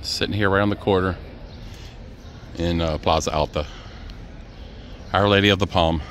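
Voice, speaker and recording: Low-voiced man on a chatty walking tour. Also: steady tone, normal speed, a bit bright. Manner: easygoing, chatty, addresses viewers as guys. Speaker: travel vlogger. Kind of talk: casual walking-tour narration. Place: outdoors on city streets. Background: faint street and traffic noise.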